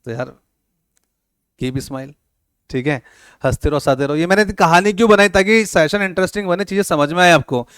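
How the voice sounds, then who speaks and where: A man's voice: high-pitched, normal speed, pauses often, a bit bright, clean tone, no room sound, clean studio sound. A man teaching a classroom lecture, joking with and quizzing his students, mixing with words. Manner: playful, teasing students with questions.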